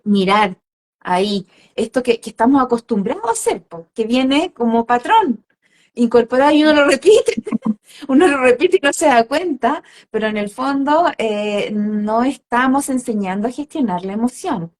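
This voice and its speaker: A woman talks in a calm, reflective way, as if explaining something in a conversation. Her voice sits a little high. She pauses often with fillers and checks in with tag questions. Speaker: holistic therapist.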